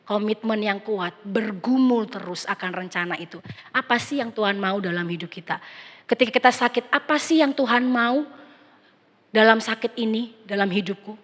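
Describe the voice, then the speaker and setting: A young woman pastor, preaching a sermon with a conversational personal testimony and animated quoted dialogue. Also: medium pitch, normal speed. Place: large church hall. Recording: long church-hall reverb.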